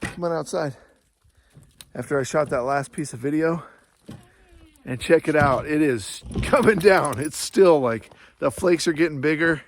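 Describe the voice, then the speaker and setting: A man's voice: on the high side, moderate pace, slight background noise. A middle-aged man chatting casually to the camera outdoors in the snowy mountains, huffing from the cold and talking to his dog as he goes. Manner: chatty, talks to his dog between remarks. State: out of breath from the cold. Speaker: RV vlogger. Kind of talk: casual vlog chat to camera. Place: outdoors in snowy mountains beside a travel trailer. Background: dog nearby.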